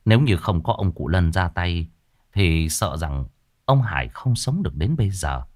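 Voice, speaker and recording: A man reading a ghost story aloud in a dramatic, expressive style. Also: deep voice, normal speed, no echo, studio quality. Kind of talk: scripted horror story narration. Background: faint background music.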